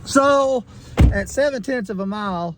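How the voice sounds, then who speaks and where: Speaking a little slowly and with animation, this higher-voiced, folksy man hosts a gear review, talking casually to camera while trying out walkie-talkies in the field. He moves between the outdoors and the inside of a truck. Vehicle and outdoor noise come through clearly in the recording.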